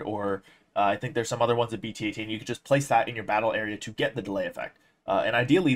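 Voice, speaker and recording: A young man giving casual, opinionated commentary on a card game, explaining his points in a measured way. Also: fairly low pitch, a bit bright. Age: young adult.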